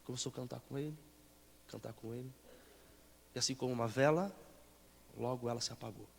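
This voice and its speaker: A young man with a Brazilian Portuguese accent, a pastor telling a story in a sermon, his voice swinging from loud emotional peaks to hushed soft phrases. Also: mid-range voice, fairly quick, creaky, slightly rough. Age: young adult. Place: church sanctuary. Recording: reverberant church hall with soft music.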